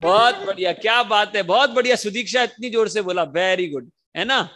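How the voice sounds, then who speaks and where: Over a video call, a high-pitched young man teaches an online religion class to children, chanting verses slowly and animatedly coaxing the kids to repeat lines aloud.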